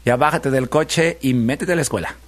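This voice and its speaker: A man, a radio host telling a children's story in a lively, repetitive rhythm. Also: medium pitch, fairly quick. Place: radio studio.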